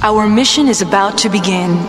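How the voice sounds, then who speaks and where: A woman's voice: medium pitch, normal speed. Woman making a formal cabin intercom announcement. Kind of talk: flight crew announcement. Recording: long reverb, loud music behind.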